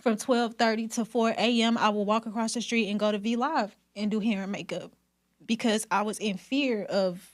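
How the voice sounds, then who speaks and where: A woman's voice: mid-range voice, steady tone, normal speed. Emphatic woman hairstylist testifying about faith. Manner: emphatic, faith-filled storytelling. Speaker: hairstylist guest. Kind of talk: candid conversation.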